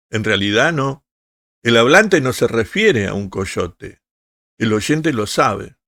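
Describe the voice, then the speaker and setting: A man reads an essay aloud, unhurried and deliberate. His voice carries a gravelly fry, and the sound is close and dry. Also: mid-range voice, a bit bright, dry recording. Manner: measured, deliberate reading. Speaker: podcast host reading an essay.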